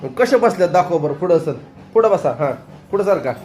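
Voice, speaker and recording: A woman's voice: lowish voice, animated, brisk, a little mellow. Coaxing woman with a rural Marathi accent. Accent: rural western Maharashtra Marathi. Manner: coaxing, playful, asks question after question. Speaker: family vlogger questioning a toddler. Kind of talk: casual home vlog.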